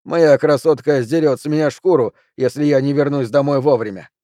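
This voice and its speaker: A man's voice: mid-range voice, fairly quick, mellow, no room sound, clean studio sound, lightly acted. A man voicing a weary, world-wise gambler in an audiobook, talking in a tired, placating way. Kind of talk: audiobook character reading.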